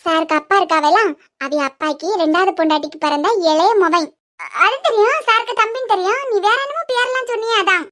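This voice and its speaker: Cartoon nurse, woman voicing: talkative, reassuring, high voice, Kanyakumari Tamil accent. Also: quick pace, fairly bright tone. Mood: reassuring chatty. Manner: soothing, talkative. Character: chatty reassuring young hospital nurse.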